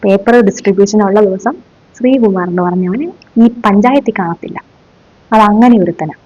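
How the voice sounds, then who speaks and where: A woman's voice: medium pitch, moderate pace, mellow, slightly rough, no room sound, close to an everyday voice. A woman in a comic sketch playing a stern, sarcastic middle-aged female schoolteacher, who scolds her class with mocking rhetorical questions. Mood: scolding. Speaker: sketch comedian. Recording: dull dry lo-fi recording.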